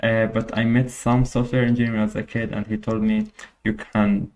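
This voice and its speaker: A man's voice: lowish voice, flat delivery, normal speed, darkish tone. A young man from Syria, a guest in an interview, speaking hesitantly with many fillers and restarts. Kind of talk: casual interview.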